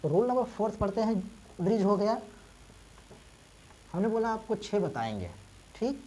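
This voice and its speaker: A woman teacher who is unwell and coughs now and then, explaining reading rules step by step, spelling letters out slowly and asking and answering her own questions. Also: mid-range voice, sing-song, dark tone, slight background noise, low-quality recording. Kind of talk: English reading lesson taught in Hindi.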